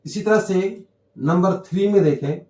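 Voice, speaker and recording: A man teaching an English grammar lesson, explaining slowly and deliberately and repeating the key terms. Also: high voice, a little mellow. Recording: echoey room.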